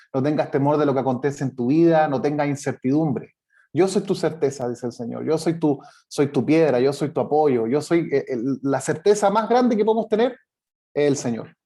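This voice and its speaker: A male preacher delivers a sermon in a slightly raised, mellow voice. He reads scripture slowly with weight on each phrase, then talks it through in looping repetitions, keeping the congregation with him by asking whether they agree. The tone is warm and unhurried. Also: on the high side. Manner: repeats phrases and keeps asking "right?" of the congregation. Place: church service.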